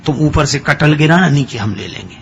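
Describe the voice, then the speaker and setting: A man's voice: a little high, lively intonation, fairly quick, creaky, muffled recording, a little hiss or hum. A man voicing a playful young god who loves stealing and coaxes a friend along in a comic sermon story. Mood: teasing.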